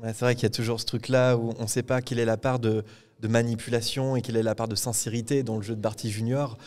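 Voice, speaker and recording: A man's voice: medium pitch, level tone, fast, darkish tone. A man hosting a podcast recorded live at a public event, retelling a book chapter at length with frequent hesitations. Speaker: podcast host. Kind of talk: casual book discussion before a live audience.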